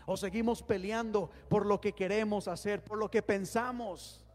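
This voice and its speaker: The voice is a man's, high with a darkish tone, fairly even intonation and normal speed. He is a pastor preaching in a church hall, inviting the congregation to respond and leading them in prayer. Long reverb and faint music run through the recording.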